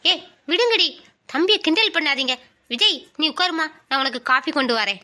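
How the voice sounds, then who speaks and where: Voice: high-pitched, animated, brisk, sharp tone, voice pushed up, exaggerated voice. A performer voicing a fussy older aunt in a cartoon skit, who hurries everyone along and scolds them. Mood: bustling, bossy. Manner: bossy, scolding.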